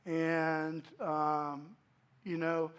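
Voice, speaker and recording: A man in his forties from East Dallas, Texas, speaking at a church microphone and telling his life story in a halting, reflective way with many restarts. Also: on the high side, level tone, fairly bright tone, clean tone. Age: 40s. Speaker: guest speaker sharing his testimony. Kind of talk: personal testimony talk. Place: church sanctuary. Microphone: microphone at a pulpit.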